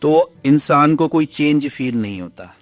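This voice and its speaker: Rambling podcast host asking questions. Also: male voice, a little high, animated, unhurried, no echo, faint music behind. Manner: long rambling questions, polite, mixes English. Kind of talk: interview questions.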